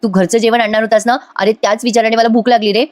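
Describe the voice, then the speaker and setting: A woman's voice: a little high, little pitch movement, fast, close to an everyday voice. A woman voicing a scheming young woman who feigns weakness, in a wheedling, mock-sweet way.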